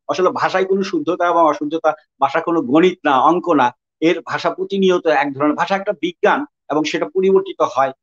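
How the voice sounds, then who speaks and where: A man from Bangladesh with a Dhaka Bengali accent, speaking in a reflective interview, discursive and often pausing with fillers to search for words. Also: high voice, fairly bright tone, muffled recording. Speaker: interviewee, writer.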